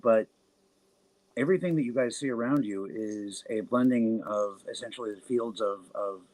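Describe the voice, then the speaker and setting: A man's voice: lowish voice, normal speed, darkish tone, no room sound, poor audio. A man on a podcast explaining his ideas earnestly, often restarting his sentences. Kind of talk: casual podcast chat.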